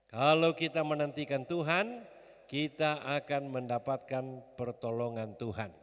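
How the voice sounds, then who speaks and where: A man's voice: medium pitch, measured pace. A man preaching a sermon as pastor, emphatic and rousing, leading the congregation to call back. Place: church hall. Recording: long church reverb.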